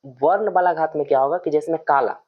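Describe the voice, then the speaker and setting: A male teacher giving an online grammar lesson, explaining slowly and repeating example words with heavy stress, calling the viewers friends. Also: a little high, animated, phone-quality sound.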